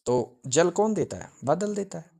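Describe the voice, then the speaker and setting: A man's voice: a little high, big pitch swings, normal speed, gravelly, warm tone, breathy edge. A male teacher giving an exam-prep grammar lesson, repeating each point and asking questions that he answers himself. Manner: repetitive, drilling with question-and-answer.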